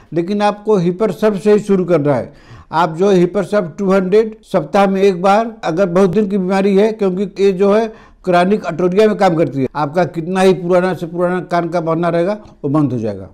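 This older Indian man is a homeopathy doctor whose voice sits high and a little mellow. Speaking straight to camera in a studio with a green screen behind him, he wears a lapel mic and explains remedies in a plain, repetitive teaching style. He calls his viewers friends and keeps circling back over the same explanatory phrases in this health lesson.

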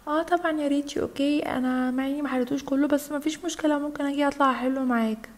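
A woman's voice: sits high, fairly even intonation, rapid-fire, natural voice. A woman with an Egyptian Arabic accent voicing a polite, cheerful schoolgirl toy doll with a sweet manner.

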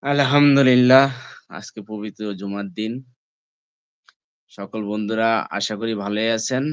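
A man hosts a casual live stream from his phone. His voice comes through smooth and clear, with a dry, close sound and no room echo. He keeps nudging viewers, calling them brother and friends. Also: lowish voice, completely flat delivery, measured pace, dull audio. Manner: repeatedly asks viewers to comment and like. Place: indoors, at home.

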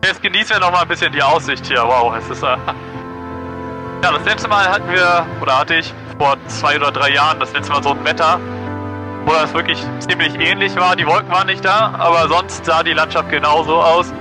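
A man's voice: on the high side, fairly quick, over music. A man piloting a small plane and talking through a cockpit headset mic in a casual vlog, enthusiastic about the view. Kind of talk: casual in-flight vlog narration.

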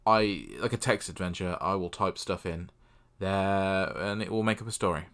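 Low-voiced young man, deadpan gaming commentary. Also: normal speed. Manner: reads game text aloud, then adds deadpan self-mocking asides. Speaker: gamer playing a text adventure. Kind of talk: casual let's-play commentary.

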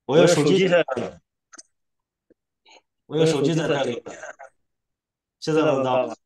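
Man, remote panelist, phone call, keeps asking if he is heard, slightly high voice. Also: moderate pace, darkish tone. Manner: repeats himself, fussing over the connection. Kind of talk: casual audio check. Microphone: phone on a video call.

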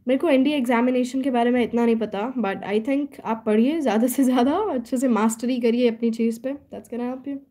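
Young Indian-accented woman, live Q&A host, relaxed unhurried delivery, Hindi-English mix. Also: on the high side. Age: young adult. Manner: mixes Hindi and English, switching mid-sentence. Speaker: young motivational speaker answering live comments. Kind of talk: casual live Q&A, reading out viewer comments.

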